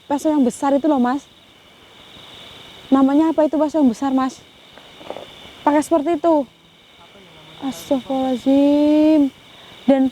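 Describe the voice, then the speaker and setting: A young woman on a ghost-hunting vlog, talking softly and with pity to an unseen spirit and often breaking into Islamic exclamations. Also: high voice, a little hiss or hum. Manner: hushed and pitying, with frequent Islamic exclamations.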